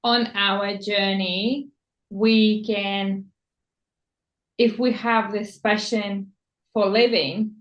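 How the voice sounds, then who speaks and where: Slow-spoken Czech woman in an echoey room. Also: mid-range voice, level tone, lo-fi sound. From Czech Republic. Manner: slow, searching for words in non-native English. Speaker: personal stylist, guest. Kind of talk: conversational interview.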